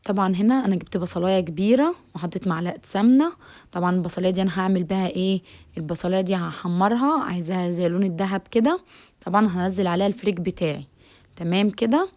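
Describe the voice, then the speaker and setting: A fast-talking Egyptian woman walks viewers through a home recipe in a chatty, familiar way. She keeps checking in with her audience and keeps the talk moving at a quick clip. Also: lowish voice, darkish tone. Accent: Egyptian Arabic. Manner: chatty, repeats "tamam" often, addresses viewers directly. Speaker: cooking channel host. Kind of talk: home cooking tutorial.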